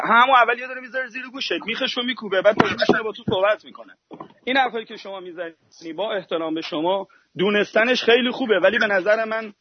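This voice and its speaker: A man's voice: sits high, background noise. A man from Iran calling in to a talk show, arguing hard and telling stories to make his point. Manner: argumentative, tells stories fast. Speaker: caller. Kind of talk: heated call-in chat. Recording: dull dry call-in audio.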